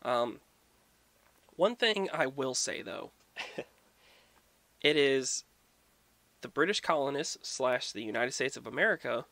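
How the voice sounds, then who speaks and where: A man's voice: mid-range voice, expressive, slow pace, long pauses, sharp tone, dry recording. A young man giving a casual, profane and sarcastic history rant as a vlogger.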